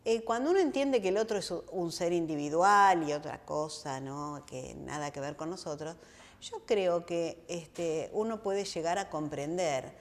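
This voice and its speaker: A woman's voice: fairly low pitch, unhurried. A woman with a Rioplatense Spanish accent, hosting a conversational interview and speaking in a reflective, affirming way. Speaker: interview host. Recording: long reverb.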